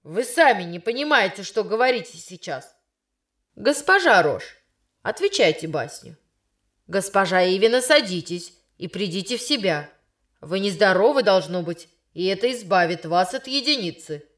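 A woman voicing an exasperated, angry male schoolteacher who shouts and scolds. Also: mid-range voice, lively intonation, moderate pace, close to an everyday voice. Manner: shouting, then bitter and stern.

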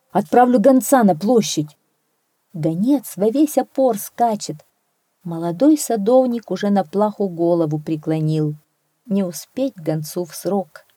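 A woman reading a fairy tale aloud as an audiobook, telling it with lively expression on a close microphone. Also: medium pitch, no room sound. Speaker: storyteller.

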